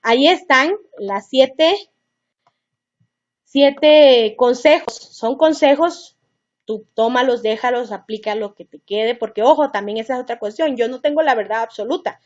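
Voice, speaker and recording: A middle-aged woman with a high voice teaches parents in a seminar. She talks in a chatty, earnest way, addressing the listener directly, and the recording sounds dull and lo-fi. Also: unhurried.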